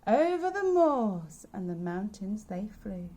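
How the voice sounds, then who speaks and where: Childminder reads rhyming picture book aloud, woman, slow lively sing-song. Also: mid-range voice. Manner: expressive, sing-song storytelling.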